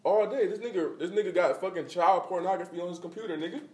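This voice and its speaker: Guy ranting hard on a podcast, kinda high voice, sounds far off the mic. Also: fast talker. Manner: emphatic, ranting, heavy profanity and slang. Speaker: podcast co-host. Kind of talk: casual chat. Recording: echoey room, mic at a distance.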